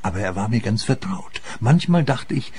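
An actor playing an anxious, sorrowful man with a husky voice, a sentimental client in a radio crime comedy. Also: lowish voice, very animated, normal speed, darkish tone, heavily acted. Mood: sorrowful, dismayed.

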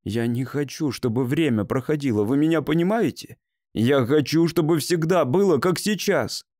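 A man's voice: medium pitch, expressive, a little fast, mellow, no echo, clean studio sound, lightly acted. A man voicing an emotional grown man who is shaken at seeing his childhood self, his voice pleading. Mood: anguished.

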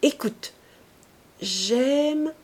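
A woman's voice: high-pitched, expressive, very slow, darkish tone, voice pushed up, exaggerated voice. A woman reading the part of a teasing, restless young society woman in an audiobook, in a lilting voice. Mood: playful.

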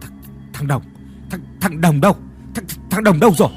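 A man's voice: on the high side, big pitch swings, normal speed, soft background music. A man doing a coarse stammering old master. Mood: stammering, terrified. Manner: shouting, stammering. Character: coarse old rich man, blustering and easily terrified. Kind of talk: horror story narration.

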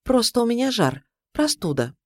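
A man's voice: very high voice, big pitch swings, normal speed, dry recording, voice pushed up, heavily acted. A sick young woman murmurs in a faint, pleading voice that sits well above the reader's own, as a man puts her on. She is fevered and weak, half-drifting in a storybook. The sound is close and dry. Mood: feverish.

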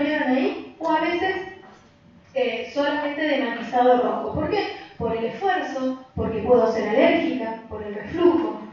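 A woman's voice: sits high, a little mellow, slight background noise. A woman giving a lecture to a group in a voice workshop, explaining with emphatic repetition. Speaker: voice workshop speaker. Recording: echoey room, distant mic, dull sound.

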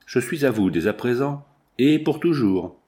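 A man's voice: mid-range voice, animated, measured pace, warm tone, lightly acted. A man voicing an impassioned young male artist who pleads urgently for help finding his sister.

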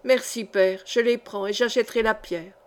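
A woman's voice: on the high side, steady tone, normal speed, natural voice. Woman voicing a hesitant young coachman. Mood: brisk. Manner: hesitant, coaxing. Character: young male coachman, eager and blunt.

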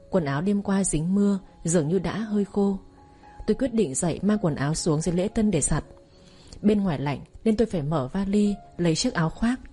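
A woman narrating a first-person story in a soft, slow, wistful way. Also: fairly low pitch, husky. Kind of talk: scripted narration. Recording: faint music behind.

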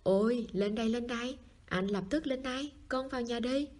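A woman voicing a caring, protective young man who teases gently in an audiobook. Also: on the high side, moderate pace, voice pushed up, close to an everyday voice. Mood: alarmed.

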